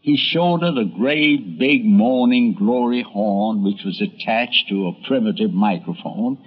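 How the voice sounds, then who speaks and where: An older man with a husky voice on the low side hosts a documentary, reading a script in a conversational, storytelling way at a measured pace. He is also a radio columnist, and the sound is lo-fi.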